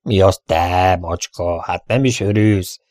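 A man's voice: on the low side, steady tone, darkish tone, no room sound, clean studio sound, natural voice. A man doing a cruel sneering bandit. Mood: mocking. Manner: sneering, threatening.

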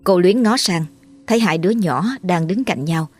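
A woman narrating a horror story in a measured, suspenseful reading. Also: lowish voice, a little mellow. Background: faint music.

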